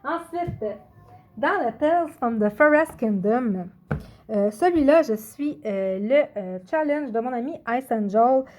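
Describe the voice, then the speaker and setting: Chatty woman, slightly high voice. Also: lively intonation, takes it slowly, darkish tone. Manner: chatty, hesitant, hunts for words. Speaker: coloring channel vlogger. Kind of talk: casual vlog talk to camera.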